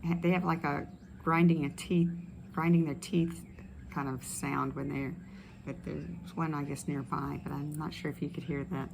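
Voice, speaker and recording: Lowish woman speech therapist outdoors. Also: moderate pace, gravelly, noisy background. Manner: relaxed, explanatory, many fillers. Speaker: speech pathologist. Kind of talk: instructional exercise video. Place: outdoors in a tropical setting. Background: ambient outdoor sounds with birds.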